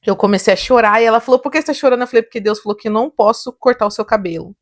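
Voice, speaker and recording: Animated Brazilian woman telling stories. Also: a little high, racing. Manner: animated storytelling, laughs often, acts out quotes. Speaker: guest, salon owner. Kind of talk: casual podcast interview.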